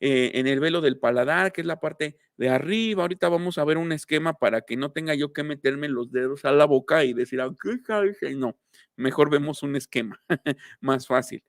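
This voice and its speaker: A man's voice: a little high, brisk, dry recording, studio quality. A man giving a casual live-streamed phonetics lesson, chatting and greeting viewers as he explains. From Mexico. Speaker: linguistics teacher.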